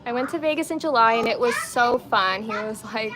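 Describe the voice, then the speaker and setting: Speaking briskly in a slightly high voice, a twenty-nine-year-old beauty and lifestyle live streamer chats casually with viewers as she gets ready on camera, using plenty of slang.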